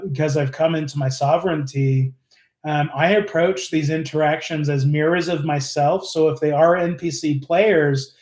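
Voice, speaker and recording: A man with a fairly high voice talks on a casual live stream, earnest and rambling, circling back with fillers and restarts. The room around him is echoey, so his voice bounces a little off the walls. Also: darkish tone. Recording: roomy echo.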